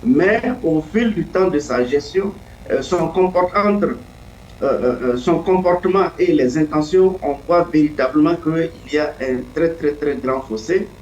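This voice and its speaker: A man speaking as a political commentator in an interview, earnest and deliberate, often pausing to search for his words. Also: fairly high pitch, a little mellow, slight background noise. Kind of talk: analytical interview answer. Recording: echoey, distant, dull lo-fi sound.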